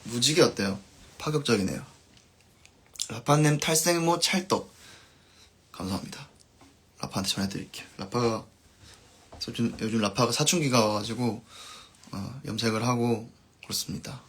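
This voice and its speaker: During a casual live stream, a male band musician reads his viewers' comments aloud, letting his sentences soften as they finish. His medium-pitched voice is slightly rough, moving at normal speed and pausing often.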